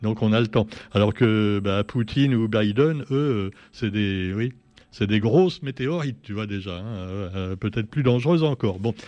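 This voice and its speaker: A man's voice: on the low side, normal speed, a little mellow, no echo. A man hosting a casual press review, sardonic and chatty, full of fillers and asides, from Réunion.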